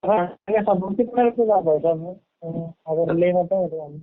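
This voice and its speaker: A man's voice: high voice, steady tone, moderate pace. A man on a casual phone call, asking blunt, short questions while his voice breaks up over a bad connection. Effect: phone line with a breaking, cutting-out connection. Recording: tinny, lo-fi phone line.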